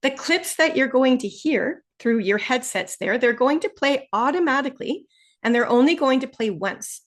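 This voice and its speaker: With a high-sitting, expressive voice, a woman from Ontario, Canada, teaches test prep in an online webinar, friendly and explanatory, and she takes it slower to stress the key points.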